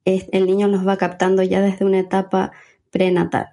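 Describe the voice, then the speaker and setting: A woman's voice: mid-range voice, completely flat delivery, warm tone. A young adult woman, a speech therapist, explaining patiently as an interview guest. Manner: measured, explanatory.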